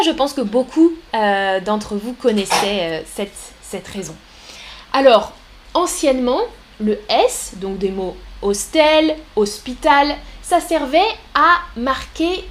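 Slightly high-voiced woman teaching French live. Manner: explanatory, repeats words slowly for learners, addresses chat. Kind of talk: live-streamed language lesson.

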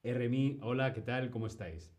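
A man teaching on a live stream, speaking slowly and clearly and greeting viewers in the chat by name. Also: medium pitch, noisy background. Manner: slow, clear, greets chat by name, imitates animal sounds. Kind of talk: live-stream language lesson.

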